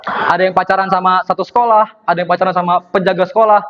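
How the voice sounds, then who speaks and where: A man's voice: sits high, flat delivery, fast, dull audio. A young male student performing stand-up comedy, acting out the people in his stories with changed voices. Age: young adult. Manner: acts out dialogue, switching voices for characters. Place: performance room at a university.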